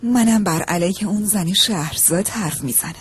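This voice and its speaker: A woman dubbing a sharp-tongued young woman who harshly scolds her younger brother. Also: mid-range voice, slightly rough. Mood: angry scolding. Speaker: dubbed drama character, elder sister. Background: background score music.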